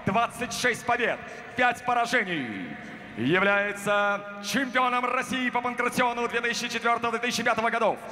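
Booming guy announcing fighters, super high pitched, big echoey hall with noise. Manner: booming, drawn-out shouted names. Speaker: ring announcer. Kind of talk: formal fight introductions, booming. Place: large indoor fight arena. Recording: echoey arena PA with crowd noise.

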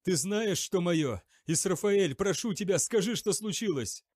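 A man's voice: high voice, animated, unhurried, a little mellow, dry recording, clean studio sound, pitched above the performer's own voice. A male audiobook reader voicing a frightened young knight who protests his innocence in a raised, desperate voice. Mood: pleading, anxious.

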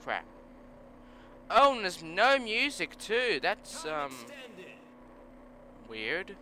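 Young man yelling through a boat race. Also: sits high, wildly swooping pitch, very slow, a little hiss or hum. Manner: frustrated, swears and yells at opponents. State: voice strained. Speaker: let's play gamer. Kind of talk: gameplay commentary.

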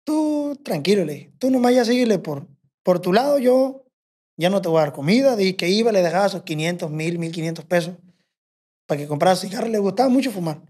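A man with a Sinaloan Mexican Spanish accent, a podcast guest, tells a long story casually, rambling, swearing, and quoting himself and others. His voice is high, animated, and brisk, with a dark tone.

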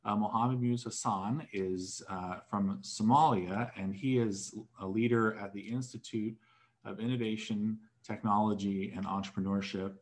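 A man moderating a recorded online panel, measured and with frequent fillers, over a video call. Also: fairly low pitch, fairly even intonation. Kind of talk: webinar moderation.

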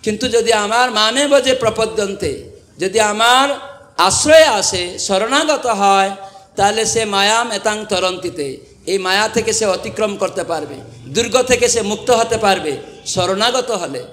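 A monk preaching a devotional sermon to a live audience, asking it rhetorical questions and quoting scripture. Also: male voice, sits high, measured pace, a bit bright.

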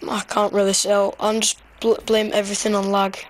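A woman with a Yorkshire accent commentating her gameplay live, excitable and bursting into shrill outcries between muttered asides. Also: brisk, slight background noise. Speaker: gaming commentator.

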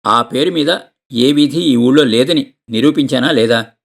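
A man's voice: medium pitch, a little slow, gravelly. A man voicing a stern, practical middle-aged husband who lectures and insists in a storybook reading. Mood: lecturing. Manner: insistent, scolding.

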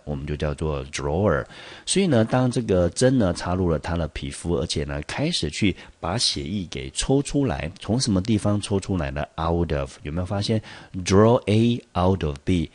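A man, a high school English teacher giving a lecture-style lesson. He explains patiently and repeats himself, stresses key points with reminders, and slows right down to spell out English words. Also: darkish tone, no echo. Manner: patient, repetitive explaining with frequent emphatic reminders. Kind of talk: classroom-style lecture video.

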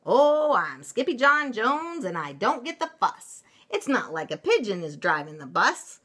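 A woman voicing an excitable, playful young kitten boy in a storybook, with theatrical exclamations. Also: fairly high pitch, measured pace, breathy edge, voice pushed up, full character voice. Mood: defiant. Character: excitable young Siamese kitten boy playing a chihuahua hero.

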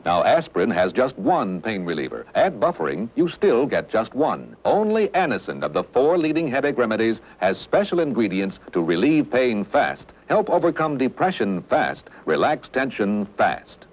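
A husky man delivers a scripted vintage commercial with lively intonation. His phrases are deliberate and punchy, and the old recording sounds muffled. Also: medium pitch. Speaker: commercial announcer. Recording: dull old television commercial audio.

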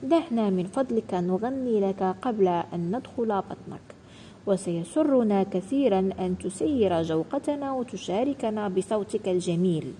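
A woman voicing a clever, polite young lamb in a children's storybook, flattering and sweet-spoken. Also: medium pitch, moderate pace, a little hiss or hum, natural voice, rough recording.

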